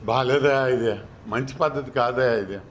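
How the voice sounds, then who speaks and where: A man's voice: medium pitch, normal speed, lo-fi sound. A man cutting in with short meme reactions in a mock-dismayed tone. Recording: echoey audio with music.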